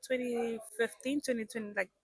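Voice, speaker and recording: A woman's voice: on the high side, fairly even intonation, brisk, slightly rough, no echo. A young woman, a guest raised in South Africa with English as her first language, chatting casually in an interview with many ums and restarts.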